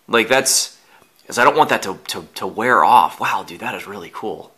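A man chatting casually for an unboxing vlog, groggy and halting as if he just woke up. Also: fairly low pitch, lively intonation, pushed and bright. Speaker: YouTube vlogger.

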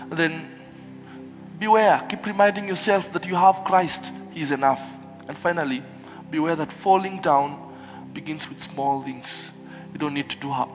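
A man with an East African accent delivers a church sermon in a somewhat high-pitched voice. He exhorts through rhetorical questions and refrains he keeps coming back to, while music plays clearly behind him. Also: poor audio. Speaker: preacher. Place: church hall, speaking from a pulpit on stage.

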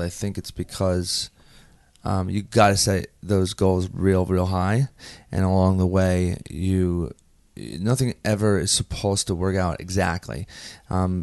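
A man's voice: deep voice, no room sound. A man in his thirties, a performer and guest, telling stories in a casual interview with lots of fillers and restarts. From United States. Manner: animated, many fillers and restarts.

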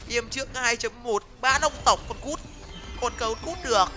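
A young man giving excited live commentary on his game, talking to viewers and repeating words in quick bursts. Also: extremely high pitch. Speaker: game streamer. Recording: music playing behind voice.

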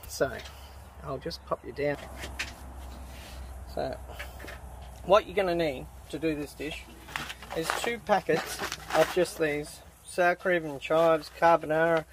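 A man walks through a simple recipe in an easy, chatty way, his voice sitting a little high for a man. He is recorded in a canvas tent at a campsite. The recording carries clear background noise. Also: a little slow, pauses often. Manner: relaxed, chatty step-by-step instructions. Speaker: camp cooking host. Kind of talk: casual cooking demonstration. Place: inside a canvas tent camp kitchen. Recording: noisy outdoor camp recording.

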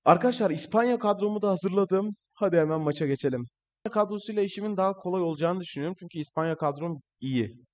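A young man commentating his own football video game match, excitable and shouting at the players on screen, his voice a bit strained. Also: high voice, rapid-fire. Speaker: gaming channel host. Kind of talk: live gameplay commentary.

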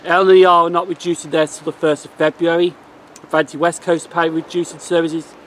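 A man's voice: fairly high pitch, flat delivery, quick pace. A man, talking casually to camera as a vlogger. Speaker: train vlogger and retail worker. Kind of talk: casual vlog talk to camera. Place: outdoors on a rainy railway platform. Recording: noisy outdoor camera audio. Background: outdoor station noise.

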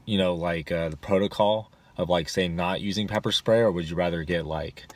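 A rideshare driver in his forties, speaking briskly in a low voice, offers casual advice to the dash camera of his parked car. He rambles along with lots of fillers and false starts.

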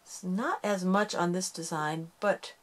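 Her voice low and unhurried, a woman hosts a relaxed craft tutorial. She works with her hands and narrates every step in a chatty, self-deprecating way.

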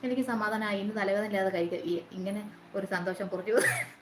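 A woman's voice: mid-range voice, quick pace. A woman hosting a casual live stream, chatting and greeting her viewers by name one after another. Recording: roomy echo, faint noise.

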